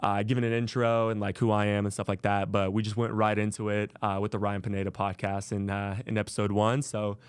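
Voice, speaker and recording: A man's voice: lowish voice, flat delivery, brisk, hardly any pauses, clean tone, no echo. A man in his twenties hosting a podcast alone, telling his story in a casual way with many fillers and restarts. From Las Vegas, USA. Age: 20s. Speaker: podcast host. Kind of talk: solo podcast monologue.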